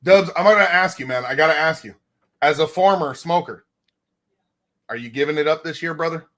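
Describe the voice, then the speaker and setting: A man's voice: on the high side, a little fast, fairly bright tone. A man chatting casually on a live stream, joking around, swearing and calling people bro. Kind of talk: casual chat.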